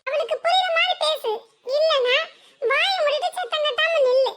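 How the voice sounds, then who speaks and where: A woman voicing a sharp-tongued young sister in a cartoon serial, who snaps at her sibling and scolds her with insults. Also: very high-pitched, normal speed. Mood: scolding.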